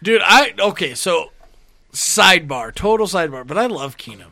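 A man in casual, crude group banter as a podcast co-host, excitable and often repeating himself. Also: sits high, moderate pace, gravelly, no room sound. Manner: excitable, repeats himself, acts out sound effects.

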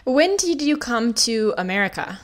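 A woman's voice: a little high, sing-song, moderate pace. A woman hosting a podcast, reading her sponsor message and listener review, then welcoming and questioning a guest in an upbeat, friendly way. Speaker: podcast host. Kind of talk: podcast host reading ads and interviewing.

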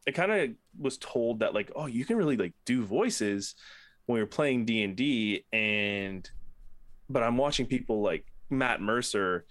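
Man, lowish voice, rambling casual podcast talk, cursing, dry close sound. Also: fairly bright tone, no room sound. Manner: rambling, swears freely, many restarts.

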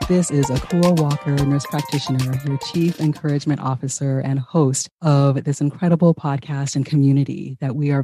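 A woman's voice: a bass voice, mellow. A woman from Ghana, a nurse practitioner, hosting a parenting podcast and introducing her guest in an upbeat, encouraging way.

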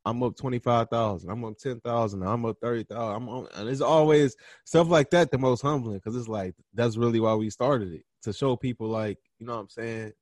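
A young man hosting a podcast, answering interview questions in a relaxed, slangy way, often pausing and restarting as he thinks aloud. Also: mid-range voice, no echo. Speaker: podcast host being interviewed. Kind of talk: casual interview conversation.

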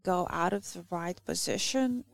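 A woman from Lithuania with a Lithuanian accent, a native Lithuanian speaker giving a halting church talk that searches for words. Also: lowish voice, vocal fry. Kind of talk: sermon.

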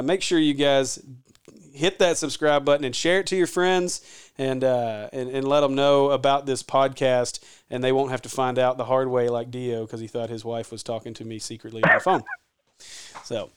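Chatty podcast host, clear voice. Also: male voice, mid-range voice. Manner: chatty, rambling, laughs often. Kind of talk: casual sports podcast chat.

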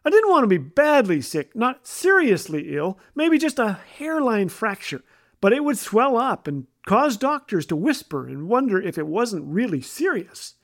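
A man's voice: sits high, sing-song, moderate pace. A man from Canada telling funny, self-mocking stories as a radio host. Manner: wry, self-mocking delivery. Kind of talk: humorous storytelling.

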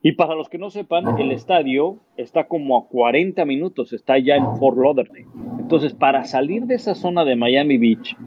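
A man's voice: fairly high pitch, moderate pace, lo-fi sound, background noise. A man, a sports commentator telling stories in a casual interview, acting out quotes. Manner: animated anecdote-telling, acts out quotes.

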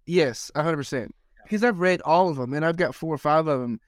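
A man's voice: on the high side, brisk, dry recording, studio quality. A man co-hosting a casual podcast, teasing and agreeing emphatically. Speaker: podcast co-host.

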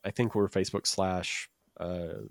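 A man's voice: low-pitched, fairly even intonation, unhurried, gravelly. A man hosting a podcast in casual chat, speaking in a hesitant, rambling, self-deprecating way. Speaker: podcast host.

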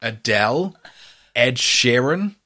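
A man's voice: mid-range voice, expressive, takes it slowly, sharp tone. A man co-hosting a podcast, chatting casually with dry, teasing humor. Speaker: podcast co-host.

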